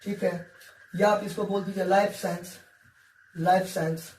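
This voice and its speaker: In a high, darkish voice with flat, unhurried delivery, a man teaches a whiteboard science lesson. He is coaxing and repetitive, frequently making sure students keep up, and the audio is echoey with a distant mic and faint hiss.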